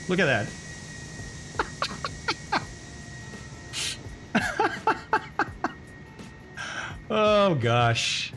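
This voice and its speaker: A man's voice: high voice, pushed and bright, a little hiss or hum. A man streaming a flight simulator, chatting casually with viewers, thinking aloud and laughing often. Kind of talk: casual live-stream chat.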